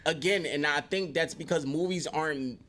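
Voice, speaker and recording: Podcast co-host, male, high voice, animated and blunt, laughs a lot. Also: normal speed, slight background noise. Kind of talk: casual chat.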